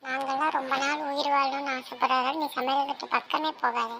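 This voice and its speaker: An exasperated son, voiced by a woman who mocks his wife's cooking. The voice is very high and sharply bright, with faint background hiss. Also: fairly even intonation, a little fast, vocal fry, heavily acted. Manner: mocking, exasperated.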